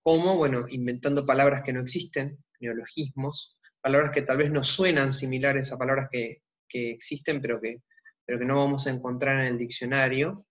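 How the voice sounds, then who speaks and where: A man teaching a literature lesson, explaining calmly and thinking aloud as he goes. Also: medium pitch, normal speed, highs cut off. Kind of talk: explanatory online lecture.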